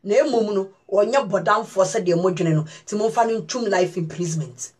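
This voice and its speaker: A woman's voice: mid-range voice, moderate pace, a little mellow, breathy edge. A woman from Ghana giving casual, emphatic news commentary and speaking directly to her viewers as a vlogger.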